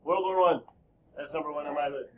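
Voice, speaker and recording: A male high school history teacher lecturing his class in a lively, joking way and quizzing students. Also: fairly quick, narrow, tinny audio, a little hiss or hum.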